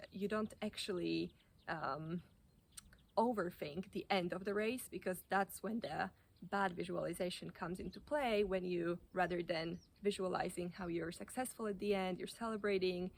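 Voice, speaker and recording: A woman giving informal running advice in a halting, hesitant way, often restarting her sentences. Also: lowish voice, creaky. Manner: hesitant, halting delivery with repeated self-corrections. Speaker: running coach or athlete giving tips. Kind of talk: informal advice talk to camera.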